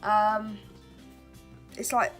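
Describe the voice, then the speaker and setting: With a medium pitch, level tone and drawn-out words, a Kent woman in her twenties chats over faint music. It's late at night, and the relaxed vlogger answers questions for a casual get-to-know-me video, self-deprecating and laughing often.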